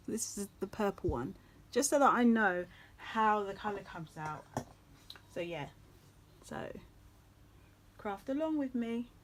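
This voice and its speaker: A woman's voice: mid-range voice, slight background noise. A woman hosting a casual home craft tutorial, chatty and rambling, with many ums as she works at her craft table. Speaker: craft channel host.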